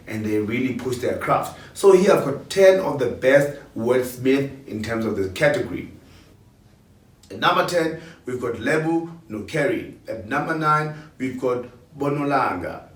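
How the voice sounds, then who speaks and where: A man presenting award nominees in a countdown with an upbeat, hype-style pep talk. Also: medium pitch. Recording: roomy, distant mic.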